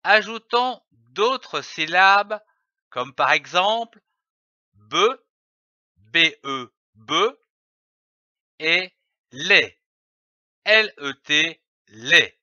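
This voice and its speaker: Man, reading teacher, somewhat high pitch, spells out syllables very slowly, close and dry. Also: expressive, sharp tone, no echo, muffled recording. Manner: spells out letters slowly and carefully. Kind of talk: slow syllable-by-syllable reading lesson.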